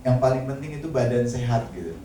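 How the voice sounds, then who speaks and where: In a very echoey church hall, with the mic set at a distance, a pastor delivers a casual sermon in a medium-pitched, dark, expressive voice at a fast clip. He talks conversationally, throws in humorous asides and often speaks straight to the congregation, over slight background noise.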